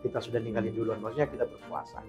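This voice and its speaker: A man who is an Islamic preacher, telling a religious story in a lively way, asking rhetorical questions and acting out the characters' words. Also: fairly low pitch, rapid-fire. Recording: dull lo-fi with faint music.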